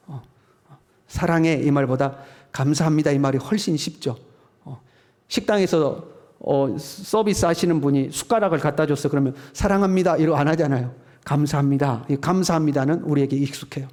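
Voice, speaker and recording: Middle-aged male pastor, conversational sermon delivery that slips into acted lines, voice a bit high. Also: a little mellow. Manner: conversational preaching, acting out parents' lines. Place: church sanctuary.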